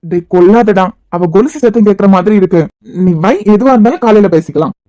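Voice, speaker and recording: A woman's voice: medium pitch, fast, mellow, no room sound, lightly acted. Woman doing an exasperated young cartoon groom. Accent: Kanyakumari Tamil. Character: harried newlywed young man, impatient. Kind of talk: cartoon web series voice acting.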